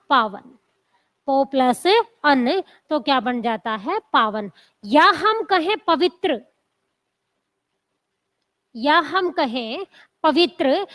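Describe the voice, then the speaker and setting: A woman teacher giving an exam coaching lecture, spelling out word parts slowly and asking the class repeated questions. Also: high-pitched, fairly bright tone. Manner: slow, drawn-out syllable-by-syllable teaching with repeated questions.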